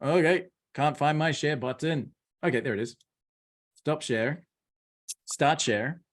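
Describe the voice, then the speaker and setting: A man's voice: on the high side, measured pace. A man with an Australian accent hosting a live webinar. He talks while sharing his screen and directs viewers through next steps like a coach. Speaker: host.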